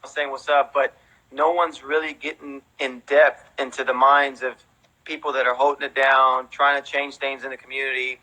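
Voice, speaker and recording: A veteran breakdancer in his thirties, born in Mexico and raised in Houston, speaks with an American accent as an interview guest, casually telling stories and peppering his talk with "you know" and "man." His mid-range voice has little pitch movement, sounds pushed and bright at normal speed, and the recording is rough.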